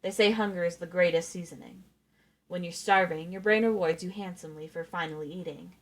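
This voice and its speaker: A woman reads a novel aloud in the first person, playing up the narrator's thoughts as she goes. Her voice sits a little low. She talks like a streamer sharing a story. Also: a little fast. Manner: expressive reading, acting out the narrator's thoughts.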